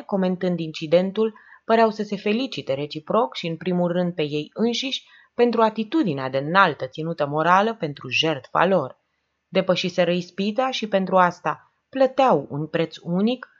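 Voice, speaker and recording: A woman narrating an audiobook with a dramatic, expressive reading, in a dull lo-fi recording. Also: on the low side. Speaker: audiobook reader.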